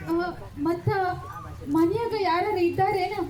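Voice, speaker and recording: A woman's voice: extremely high pitch, fairly even intonation, a little slow, darkish tone. Woman playing a downtrodden young village wife. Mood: pleading. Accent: North Karnataka Kannada. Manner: plaintive, brooding lament. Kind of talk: dramatic story reading. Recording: roomy home recording.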